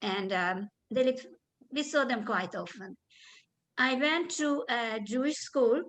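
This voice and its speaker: An older woman from Hungary giving her testimony as a survivor, speaking hesitantly with fillers and throat clearing over a video call. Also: a little high, a bit bright, poor audio. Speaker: Holocaust survivor guest. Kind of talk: spoken testimony in conversation.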